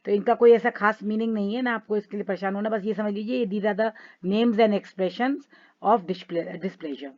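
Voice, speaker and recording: A woman teacher reads each English line of a play slowly and with feeling, then unpacks it in plain conversational Hindi for her students. Her voice sits at an ordinary middle pitch. The recording is dull and a little lo-fi. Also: darkish tone. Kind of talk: Hindi-English literature lesson, reading and explaining a play.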